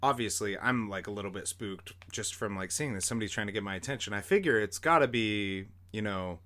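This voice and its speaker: A man's voice: fairly low pitch, fairly quick, fairly bright tone. A young man, a podcast host, telling a story in a rambling, casual way, full of fillers and the odd swear word.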